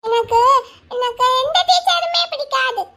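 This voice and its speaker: A stubborn, clingy little boy from a cartoon whines in a very high, bright, piercing voice. He drags his words out slowly and sounds close to tears. It is childish cartoon voice acting. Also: full character voice. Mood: tearful. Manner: childish, whiny, often tearful.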